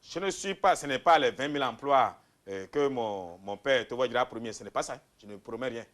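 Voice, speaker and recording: A man from Benin, answering interview questions as a political candidate in an emphatic way that swings from loud bursts to quiet asides. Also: medium pitch, lively intonation, a little fast. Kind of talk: interview answers, campaign pitch.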